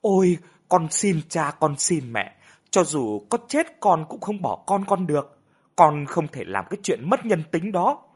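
A man's voice: medium pitch, very animated, unhurried. A man voicing a tearful young pregnant daughter begging her parents. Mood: pleading. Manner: pleading, sobbing.

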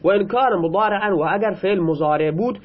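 A man's voice: high-pitched, muffled recording. A man teaching Arabic grammar in Persian, reading lines of text aloud and then explaining them patiently, repeating his examples.

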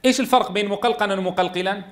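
A man's voice: sits high, fairly bright tone. A man teaching a Quran recitation lesson, drawing out and repeating letter sounds for his students to copy. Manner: drills letter sounds slowly, stressing and repeating them. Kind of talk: tajweed lesson with drills.

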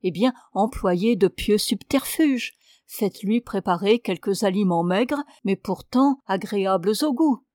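A woman's voice: mid-range voice, unhurried, no room sound, clean studio sound, lightly acted. A woman reading a storybook, voicing an elderly priest who reproves and counsels a penitent. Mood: sermonizing. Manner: solemn, sermonizing, gently reproving. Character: elderly male abbé, stern yet fussy confessor.

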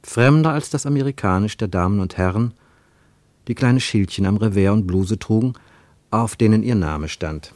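A man narrating a radio drama expressively, with an animated storyteller's delivery. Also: fairly low pitch, moderate pace, dry recording.

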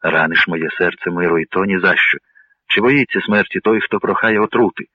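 A man's voice: low voice, fairly quick, no echo. A man reading the part of a proud, scornful captive Viking warlord in an audiobook. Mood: grim pleading. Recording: dry, narrow phone-like sound.

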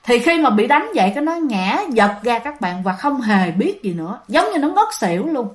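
High-voiced woman storyteller. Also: sing-song, moderate pace. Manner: chatty, dramatic, addresses listeners. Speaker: ghost story narrator. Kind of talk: casual storytelling to listeners.

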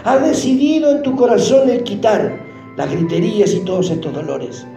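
A man's voice: high voice, sing-song, normal speed, mellow. A man preaching a fervent, pleading sermon, praying aloud as he speaks. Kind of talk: emotional sermon prayer. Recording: roomy echo with faint music.

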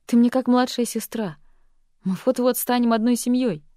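Audiobook: a soft, patronizing ex-lover, read by a woman, dry close sound, a touch lower and quieter. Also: fairly even intonation, moderate pace, no echo, lightly acted. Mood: condescending. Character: calm condescending man, heroine's ex-lover and former teacher.

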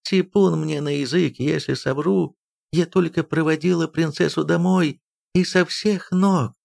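A man's voice: a little high, normal speed, darkish tone, voice pushed up, natural voice. A man voicing a simple, timid peasant nurse woman who speaks in an anxious, pleading way.

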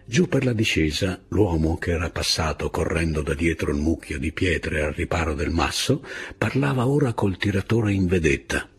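A man reading a novel aloud as an audiobook narrator, with expressive, dramatic storytelling. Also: low voice, normal speed, husky. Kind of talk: scripted literary narration.

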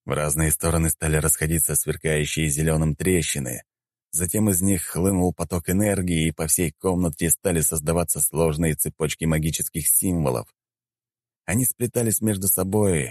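A man narrating a first-person fantasy audiobook in a calm, wry tone. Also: a bass voice, no room sound, studio quality.

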